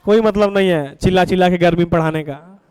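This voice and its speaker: Man, classroom chemistry teacher, coaxing and quizzing, clear and dry. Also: high voice, fast talker, a little mellow, no room sound, low-quality recording. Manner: coaxing, asks the class questions and repeats answers. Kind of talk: classroom lecture.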